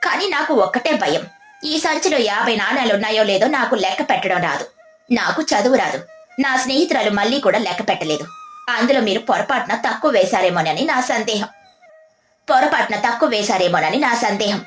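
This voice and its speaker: A quick-witted young village wife, as a woman storyteller puts her on, pointed and needling. Her voice sits a touch lower than the narration. Roomy echo and soft music under it. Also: lively intonation. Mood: sly polite. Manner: pointed, mock-polite, then scolding. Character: clever young village wife, bold and sharp. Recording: echoey, faint music behind.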